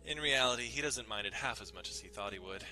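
Narrating a visual novel dramatically with music behind him, a young adult man tosses in offhand, irreverent comments. He sounds fairly low yet pushed and bright, animated and quick.

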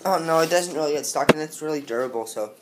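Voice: medium pitch, fast talker. A young person casually explaining something to family as the grandchild. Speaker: grandchild showing a toy. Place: home kitchen. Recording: noisy home, clicks.

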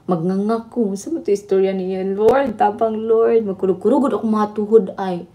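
A woman's voice: mid-range voice, fairly even intonation, moderate pace, mellow. Chatty woman livestreaming. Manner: chatty, laughing, switching between Tagalog and Visayan. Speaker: livestream host. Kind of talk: casual live chat with viewers.

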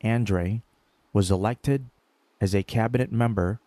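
Male voice-over narrator, dark and dry, measured scripted delivery. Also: lowish voice, no echo.

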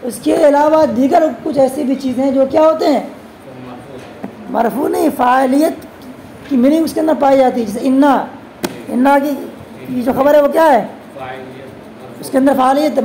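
A woman teaching a classroom grammar lesson, constantly posing quick questions to her students and answering them herself. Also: high voice, a little mellow, slight background noise, poor audio. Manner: addresses students as "beta". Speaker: religious teacher.

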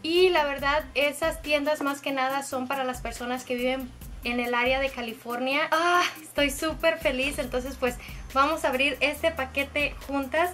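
A young woman vlogger chatting excitedly as she unboxes makeup, gushing and squealing with delight. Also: high voice, normal speed, soft background music. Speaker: beauty vlogger.

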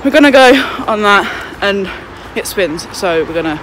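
A woman's voice: mid-range voice, expressive, moderate pace, a bit bright, slight background noise. A young woman, out of breath, chatting and swearing casually to her phone in a park as a vlogger. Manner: chatty, swearing, frequent laughs. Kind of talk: casual vlog chat. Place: outdoors in a town park. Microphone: handheld phone.

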